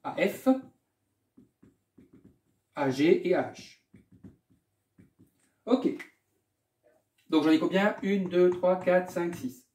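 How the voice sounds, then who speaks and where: A man talks through a math exercise as a tutor, repeating words and adding casual asides as he goes. His voice sits a little high for a man but sounds mellow and soft-edged. The room around him rings with echo. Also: drawn-out words, pauses often. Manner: thinks aloud, repeats himself, casual asides. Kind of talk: explaining a math exam correction.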